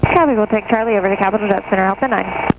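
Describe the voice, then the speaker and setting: A woman flying a medical helicopter, heard over aircraft radio, giving brisk, clipped readbacks. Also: medium pitch. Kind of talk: radio phraseology. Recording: muffled radio under loud noise.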